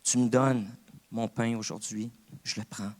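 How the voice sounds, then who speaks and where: A man's voice: lowish voice, steady tone, measured pace, darkish tone. A man with a Québécois French accent, preaching a sermon as co-pastor in an earnest, conversational way. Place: church.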